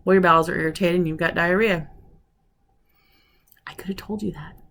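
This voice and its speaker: A woman in her forties, with a fairly low voice and a fairly quick pace, chats casually in a vlog. She tells stories by acting out the conversations she quotes, and she sounds frustrated, slipping into a rant.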